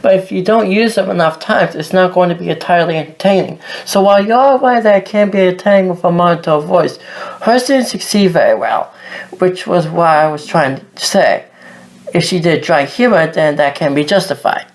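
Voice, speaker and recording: Brief: young-sounding male reviewer, monotone, rattles through his points quickly. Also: sits high. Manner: flat, monotone delivery. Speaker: reviewer under criticism. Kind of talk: online video review commentary.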